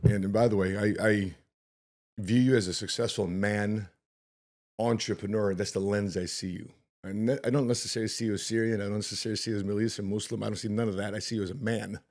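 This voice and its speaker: Fast-talking and fairly low in pitch, this man hosts a casual podcast interview with a darkish tone and fairly even intonation. He grew up in Chicago, keeps restarting his questions with stammers, and laughs a lot.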